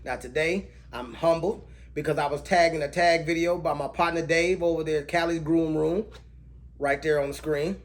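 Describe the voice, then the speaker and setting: A man casually reviewing budget fragrances to camera, talking in a relaxed way and listing scent notes in a steady cadence. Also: fairly high pitch.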